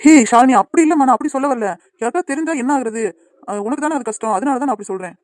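A woman voicing a gentle, patient young man in a cartoon, soothing and reassuring the people around him. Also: sits high, no echo, natural voice. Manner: soothing, reassuring, quick talking. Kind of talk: cartoon voice acting.

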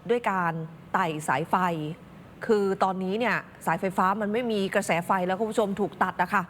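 Expressive female news anchor addressing viewers. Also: mid-range voice, fairly quick, big-room sound, slight background noise. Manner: expressive, talks directly to viewers. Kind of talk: news commentary.

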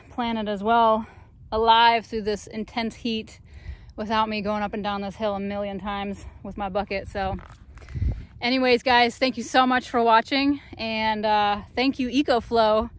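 A woman's voice: a little high, a bit bright, slight background noise. A woman from Florida vlogging outdoors on a hillside, talking to viewers as she works, swearing casually and running out of breath. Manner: chatty, swears, talks to viewers while working. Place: outdoors on a hill by a canal.

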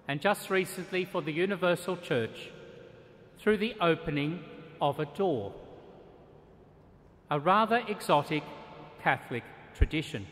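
Solemn archbishop preaching in a cathedral. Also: male voice, a little high, a bit bright. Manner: measured, solemn preaching with deliberate pauses. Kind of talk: sermon. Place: large stone cathedral, at a lectern. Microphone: lectern microphone. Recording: long cathedral reverb.

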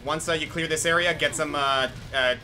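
A man with a fairly high voice coaches a player through a game in casual let's play chat. His directions come haltingly, step by step. Game music plays clearly behind him. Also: steady tone, sharp tone. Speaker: co-commentator guiding the player. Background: video game music and battle audio.

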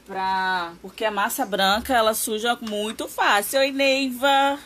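A woman's voice: on the high side, fairly even intonation, a little slow, fairly bright tone. A woman hosting a casual craft live stream, chatting with viewers and greeting them by name.

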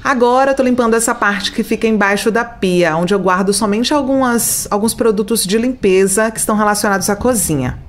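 Chatty Brazilian woman narrating home cleaning. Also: mid-range voice. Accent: Brazilian Portuguese. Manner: chatty, addresses viewers directly. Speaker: home organization vlogger.

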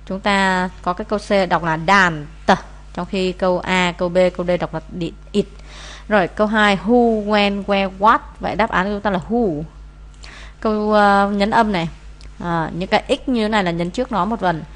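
A woman's voice: mid-range voice, moderate pace. A woman, teaching as she explains answers to an English test, with many "à" fillers. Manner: frequent "à" fillers, steady explaining.

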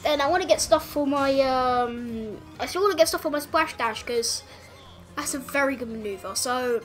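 A woman giving excited gameplay commentary as a gaming channel host, breaking into shouts and yelps at the action. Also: high voice, normal speed, faint music behind.

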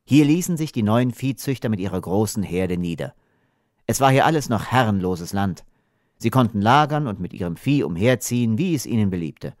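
A man reading an audiobook novel aloud in calm, even scripted narration. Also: fairly low pitch, moderate pace, no room sound, clean studio sound.

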